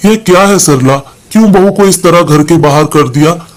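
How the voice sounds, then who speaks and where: A man's voice: a little high, moderate pace, natural voice. Storybook elder aunt, stern and protective, scolding, read by a man.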